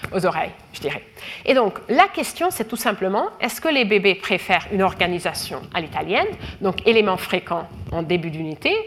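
Woman explaining research slowly. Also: mid-range voice, a bit bright, a little hiss or hum. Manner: careful, explanatory, with frequent fillers and restarts. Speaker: researcher lecturing. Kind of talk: explanatory lecture.

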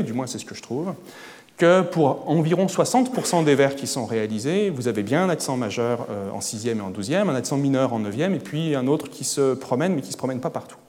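A man's voice: medium pitch, a little mellow. Hesitant scholarly man in reverberant hall. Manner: erudite, hesitant with frequent filler sounds. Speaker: conference speaker. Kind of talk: academic lecture. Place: conference hall.

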